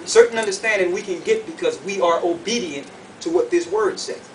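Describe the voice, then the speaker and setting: Brisk and high-pitched, a preacher teaches scripture verse by verse in an emphatic, instructive style, frequently checking comprehension with quick questions. The recording comes from a distant mic with faint noise in the background.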